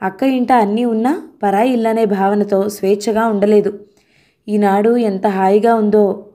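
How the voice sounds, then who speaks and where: A woman's voice: mid-range voice, steady tone, moderate pace, dark tone, close to an everyday voice. A woman reading the part of a cheerful, affectionate young husband who is earnest about his mother, in her own voice. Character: young educated husband, cheerful and devoted son.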